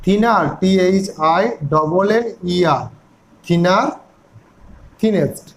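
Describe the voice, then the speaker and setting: High-voiced man teaching English grammar. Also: slow pace, rough recording. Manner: spells words out letter by letter and asks questions back. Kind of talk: explaining a grammar lesson.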